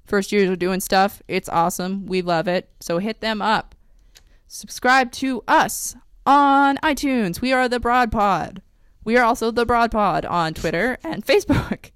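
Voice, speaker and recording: A woman's voice: medium pitch, a little slow, smooth, dry recording, clean studio sound. A young woman co-hosting a student podcast, chatting casually and joking with friends. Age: young adult. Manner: lively, animated, joking. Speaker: podcast co-host. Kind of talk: casual chat.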